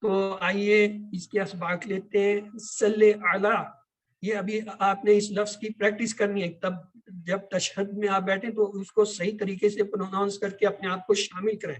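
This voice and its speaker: High-voiced man teaching a Quran class. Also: level tone, low-quality recording. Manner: explains and asks questions, repeats key words. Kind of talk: online class lesson.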